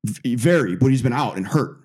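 A man's voice: medium pitch, expressive, a little fast, warm tone, husky. Rambling man on a sports podcast. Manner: rambling, hedging with fillers. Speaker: podcast co-host. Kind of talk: casual sports chat.

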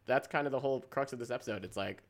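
A man's voice: medium pitch, racing. A man co-hosting a podcast in casual chat, rambling, trailing off mid-sentence and laughing often. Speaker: podcast co-host.

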